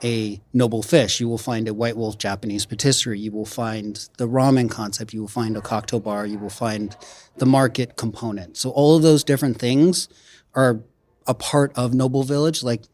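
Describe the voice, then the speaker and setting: A man's voice: mid-range voice, steady tone, normal speed, darkish tone. A man from a restaurant group explaining plans in a conversational interview, often tagging his points with "right?". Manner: explanatory, frequent "right?" tags.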